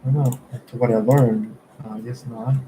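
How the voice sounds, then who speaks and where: A man's voice: mid-range voice, fairly even intonation, moderate pace, dark tone, slight background noise, rough recording. Man muttering through study questions. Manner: muttering, quizzing himself, trailing off unsure. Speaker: student studying for an exam. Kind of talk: thinking aloud while studying.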